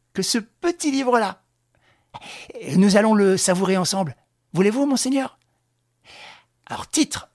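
Reader playing a sneering officer, mock-friendly tone, lively pitch, breathy voice. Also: dry recording, clean studio sound, heavily acted. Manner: mock-friendly, sarcastic teasing. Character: mocking young French officer, coldly ironic.

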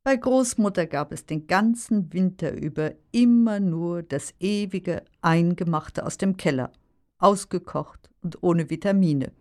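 An actress playing a practical, skeptical daughter who contradicts drily in scripted dialogue. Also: female voice, on the low side, unhurried, a little mellow, natural voice. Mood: skeptical, questioning. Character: practical, skeptical grown daughter of a nostalgic father. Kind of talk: scripted language-lesson dialogue.

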